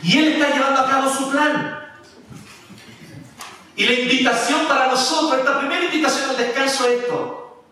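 A pastor preaching a sermon, animated, with emphasis that rises and drops. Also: male voice, very high voice, normal speed, pauses often, a little hiss or hum. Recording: echoey room from a distance.

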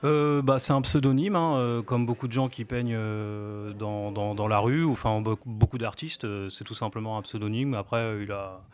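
A man in his forties, a graffiti artist guest on a radio show, explaining slowly with many fillers and restarts. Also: fairly low pitch, steady tone. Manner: hesitant, many fillers and restarts, laughs lightly. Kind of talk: casual radio interview.

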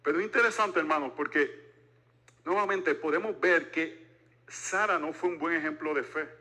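A man in his forties delivering a sermon to his congregation. His voice sits a bit high and sounds bright and forceful. He preaches in a chatty style and slips humor in between points. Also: normal speed. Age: 40s. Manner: joking, conversational preaching. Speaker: pastor.

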